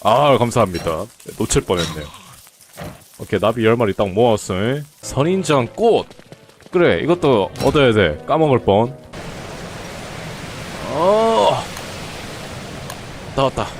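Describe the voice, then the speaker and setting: Lively chatty man streaming a game. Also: mid-range voice, unhurried, pauses often. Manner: chatty, talks to game characters, teasing. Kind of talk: casual gameplay commentary. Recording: faint game music behind.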